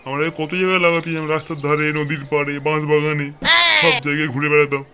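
A man's voice: a little high, little pitch movement, racing, highs cut off, crowd noise, close to an everyday voice. A man playing a whining crazed beggar. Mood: pleading. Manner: whining and pleading. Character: dazed, pleading male beggar gone mad. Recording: music behind the voice.

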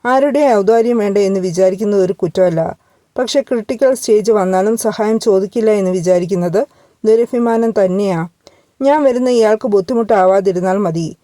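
A woman voicing a gentle, caring young man who speaks calmly and reassuringly in a storybook reading. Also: medium pitch, normal speed, no echo, studio quality, close to an everyday voice. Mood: firm.

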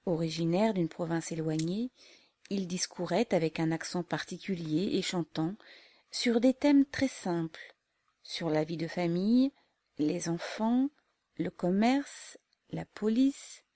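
A woman narrating a classic novel as an audiobook, calm and measured. She reads very slowly in a low, mellow voice. The recording is dry, with no room sound. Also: no room sound. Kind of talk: scripted narration.

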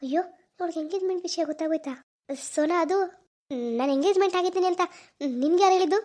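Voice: extremely high pitch, racing, darkish tone. A voice actor playing a young man in a cartoon, anxiously pleading with his girlfriend. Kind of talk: cartoon voice acting.

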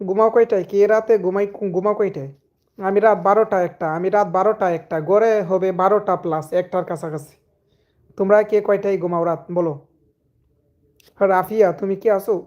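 A hoarse young man, chatting casually with viewers on a live stream and greeting commenters by name. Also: high voice, fairly even intonation, fairly quick, darkish tone, muffled recording. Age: young adult.

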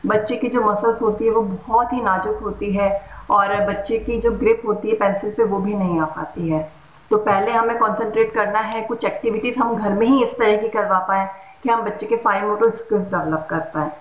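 A woman explaining step by step how to teach young children at home, sounding out letters slowly and clearly. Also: mid-range voice, fairly even intonation. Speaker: home teaching guide for mothers. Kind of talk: friendly how-to lesson for parents. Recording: echoey room.

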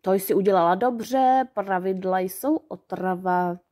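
A woman's voice: mid-range voice, close to an everyday voice. A woman voicing a band of mischievous forest goblins who love breaking rules. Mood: teasing. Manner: loud, teasing.

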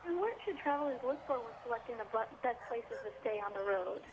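A woman's voice: fairly high pitch, animated, quick pace. A woman interviewing two guests, asking questions in a bubbly, enthusiastic way. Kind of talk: interview hosting. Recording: tinny phone line with faint noise.

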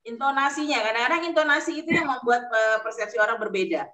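A woman's voice: fairly high pitch, fast talker, bright, forceful tone. Woman psychologist coaching parents in an echoey room. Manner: engaging, asks the audience questions, acts out parent phrases. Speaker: child psychologist giving a parenting workshop. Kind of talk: interactive seminar talk. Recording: roomy echo, speaker far from mic.

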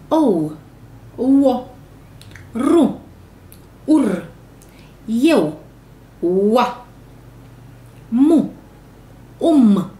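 A woman with a Moldovan Romanian accent, a primary school teacher giving a video lesson to young children, speaking slowly and clearly and sounding out syllables in an encouraging way. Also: mid-range voice, warm tone. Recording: echoey room, faint background noise.

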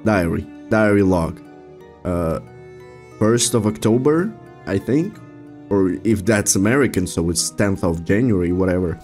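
A young man doing casual game streamer commentary and read-alouds, halting, with muttered asides. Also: sits low, expressive, darkish tone. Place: indoor room at home. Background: game music.

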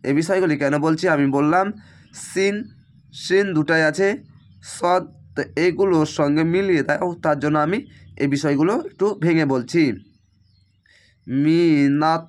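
A man teaching Quran recitation, breaking words into syllables and repeating them slowly, with a Bangladeshi Bengali accent. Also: a little high. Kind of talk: spelling-out Quran recitation lesson.

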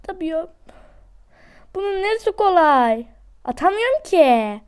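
A woman giving chatty, excitable commentary to her viewers while she plays a game at home. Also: very high voice, normal speed. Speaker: gaming YouTuber. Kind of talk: casual gameplay commentary.

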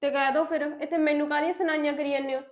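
A young woman playing a lazy, sharp-tongued young wife who bickers and defies her family in a village family drama. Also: high-pitched, flat delivery, very fast, close to an everyday voice. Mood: defiant. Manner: defiant, bickering.

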